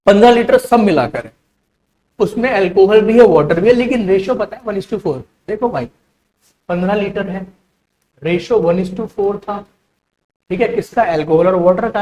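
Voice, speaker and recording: High-voiced patient male maths teacher. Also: darkish tone, a little hiss or hum, low-quality recording. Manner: patient, explains step by step with frequent "theek hai". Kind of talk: online exam-prep maths lesson.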